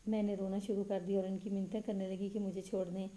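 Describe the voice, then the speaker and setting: A woman reads a story aloud in a steady, measured way. Her voice is very dark and mellow, and her pitch stays flat and level. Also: low-quality recording. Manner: steady, even reading with little pitch movement. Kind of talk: scripted story narration.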